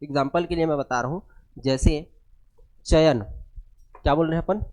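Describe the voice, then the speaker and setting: A man giving a step-by-step grammar lecture, unwell and low on energy, asking the class questions and answering them himself. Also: steady tone, fast, a little mellow. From India. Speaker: grammar teacher.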